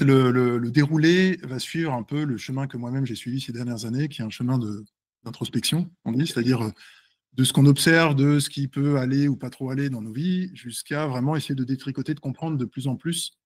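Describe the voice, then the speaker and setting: Husky-voiced man in his forties presenting. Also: medium pitch. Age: 40s. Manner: hesitant, many fillers and restarts, checks in with the audience; tends to speak fast. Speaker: seminar presenter and author. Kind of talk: live seminar talk to an audience.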